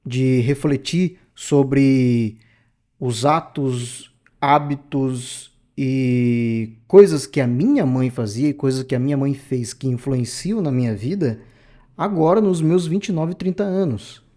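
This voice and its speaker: Slow and dark-toned, this mid-range voice is a Brazilian man in his thirties hosting an opinion channel. His casual, reflective monologue speaks directly to viewers and wanders, with frequent self-corrections.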